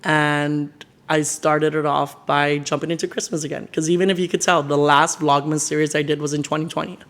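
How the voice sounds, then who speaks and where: This vlog shows a 21-year-old man in his decorated home, talking casually to the camera while he vents. He rambles and leans heavily on "like" and other filler words. His voice is fairly high and a bit bright, with little pitch movement, and he speaks fairly quickly.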